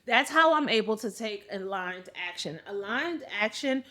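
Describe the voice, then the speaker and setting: A woman's voice: mid-range voice, normal speed. A woman in her forties hosting a solo podcast, telling stories and giving motivational business and life advice in an upbeat, conversational way. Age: 40s. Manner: upbeat, energetic storytelling; conversational, addresses listeners directly. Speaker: podcast host and business coach.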